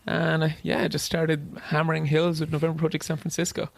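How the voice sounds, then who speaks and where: A man's voice: on the high side, monotone, a little fast, vocal fry, no echo. Irish guy in his 30s rambling away on a podcast, bit of grit in the voice, swears casually. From Ireland. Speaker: guest. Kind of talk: casual interview chat.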